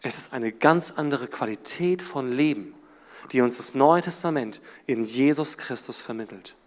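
A man preaching a sermon, swinging from loud emphasis to quiet, low passages. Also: normal speed. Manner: animated, rises and drops in volume for emphasis.

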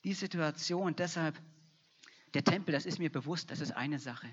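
A woman's voice: low-pitched, moderate pace, breathy edge. A woman preaching a sermon, emphatic and repetitive, building to fervent passages. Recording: dull lo-fi recording.

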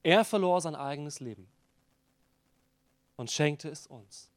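Guy preaching a sermon, kinda high voice, goes loud and emphatic then drops way down soft at the ends, dry close sound. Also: expressive, slow pace, dry recording. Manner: swings between loud emphatic peaks and hushed phrase endings; addresses the congregation directly.

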